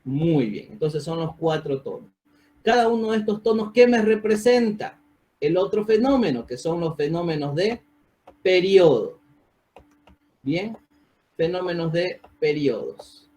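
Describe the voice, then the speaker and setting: A man's voice: fairly high pitch, big pitch swings, a little slow, warm tone. Quizzing lecturer, man, video call. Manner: asks the class questions, checks with "¿sí?". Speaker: physiopathology lecturer. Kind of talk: online medical lecture. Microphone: computer mic on a video call.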